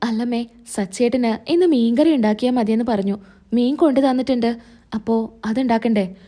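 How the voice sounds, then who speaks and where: A woman voicing a gentle, hurt young wife. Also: a little high, moderate pace, close to an everyday voice. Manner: pleading, soft, hurt.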